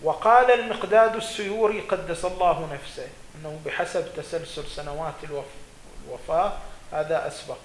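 A man's voice: on the high side, a little fast, a little hiss or hum. A male religious scholar gives a seminary lecture, reading quoted legal texts aloud and then explaining them. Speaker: religious scholar teaching jurisprudence. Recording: echoey room with faint ambience.

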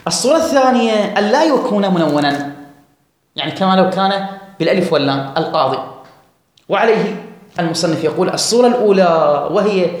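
A man teaching a grammar lesson, reading the text slowly and stretched, then explaining it quickly and asking the class questions. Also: sits high, animated. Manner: asks the class questions and urges them to follow. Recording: very echoey room.

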